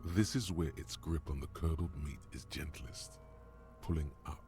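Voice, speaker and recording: A gravelly, very deep game narrator. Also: male voice, a little slow, dark tone, soft background music. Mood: grim narration. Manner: grim, darkly vivid description. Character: deep gravelly male narrator voice of the detective's mind.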